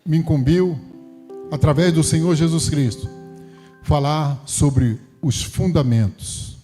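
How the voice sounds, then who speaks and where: Soft music plays behind a middle-aged guest pastor from Rio de Janeiro, Brazil, whose voice is on the high side, dark, and slow, trailing a long reverb. He delivers a sermon with personal greetings conversationally, frequently tacking on short tags that invite agreement.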